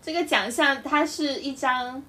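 Young woman co-host, high voice, casual chat, supportive listener. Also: a little slow, bright, forceful tone. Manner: supportive listener with frequent backchannel replies. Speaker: podcast co-host.

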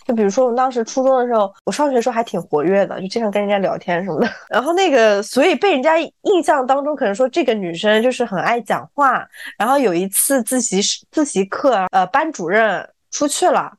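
Woman podcast host, super animated voice going up and down, repeats herself when worked up, dry close mic. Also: on the high side, fairly quick, few pauses, no room sound. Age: adult, married. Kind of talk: casual chat, storytelling.

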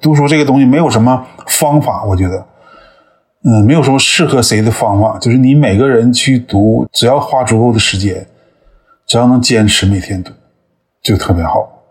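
A man in his fifties from northeast China talks thoughtfully as a podcast guest, hesitating often in this conversational interview. His voice is mid-range with a moderate pace and a breathy edge.

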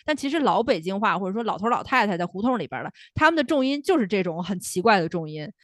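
A woman from northern China talks quickly and carefully about her views, hedging as she goes. The voice sits at a middle pitch. It is recorded close and dry, with no room sound. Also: lively intonation, no room sound. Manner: thoughtful, hedging, many fillers and restarts. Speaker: podcast co-host, comedy critic. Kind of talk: casual critical chat.

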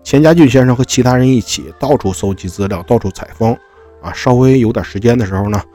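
A man's voice: mid-range voice, quick pace, dark tone, faint music behind. A man hosting a podcast, telling stories in a chatty, colloquial way. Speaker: podcast host. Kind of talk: casual storytelling narration.

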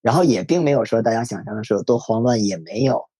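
A man in his thirties telling a personal story in a reflective, halting way, with many fillers. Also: mid-range voice, expressive, mellow, husky, no room sound. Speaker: podcast guest sharing a personal story. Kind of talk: emotional first-person storytelling. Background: faint background music.

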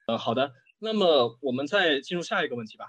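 Male host, conversational interviewer. Rapid delivery, slightly higher pitch, courteous and wordy, checking agreement as he goes. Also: animated, fairly bright tone, husky, no echo, highs cut off.

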